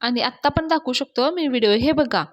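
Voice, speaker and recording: A woman's voice: high voice, a little fast, lo-fi sound, pitched above the performer's own voice, natural voice. A woman voicing a scheming, fawning man who pleads theatrically and stirs trouble. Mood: wheedling.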